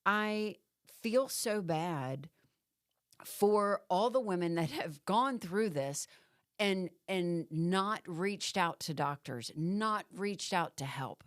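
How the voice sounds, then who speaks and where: Middle-aged woman co-host, earnest and sympathetic, speaks slowly, close dry mic. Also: fairly low pitch, lively intonation, no room sound. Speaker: podcast co-host. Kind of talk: casual podcast chat.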